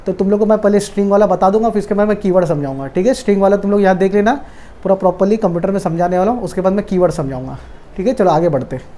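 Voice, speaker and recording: A programming tutor gives a casual coding lesson in a high, warm voice, talking very fast. He keeps posing questions and answering them himself, repeating the key words as he goes.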